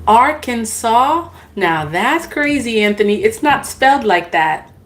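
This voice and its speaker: A tarot reader whose first language isn't English chats casually with viewers on a live stream, greeting them by name and laughing at herself. Her voice is a little high and very animated, and she speaks unhurriedly.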